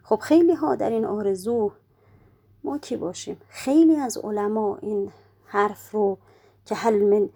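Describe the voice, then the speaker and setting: A woman's voice: medium pitch, warm tone, slightly rough. A woman giving a religious lecture, explaining step by step and posing rhetorical questions that she then answers herself. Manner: slows down to recite prayer quotations.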